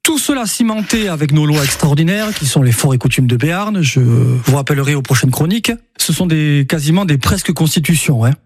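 A man presenting a chatty local history chronicle on the radio, in a lively storytelling manner. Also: fairly high pitch, fairly quick, slight background noise.

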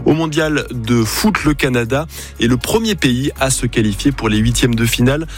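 Male newsreader, brisk headlines, soft music bed. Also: medium pitch. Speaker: radio news presenter. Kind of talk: news headlines reading.

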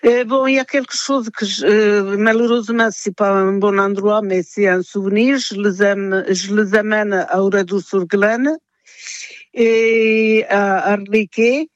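Retired Portuguese-accented woman, slow, hesitant; dry, slightly muffled audio. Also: medium pitch, steady tone, no room sound. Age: older. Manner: halting, many restarts and fillers. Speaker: interviewee. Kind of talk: radio interview.

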